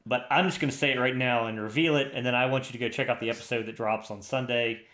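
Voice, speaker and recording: A man co-hosting a tabletop gaming podcast, talking in an eager, rambling way that often circles back on itself. His voice sits at a middle pitch. The room around him is noticeably echoey. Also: fairly even intonation, fast talker, bright, forceful tone. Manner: enthusiastic, rambling with restarts. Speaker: podcast co-host. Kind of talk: casual chat. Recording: roomy echo.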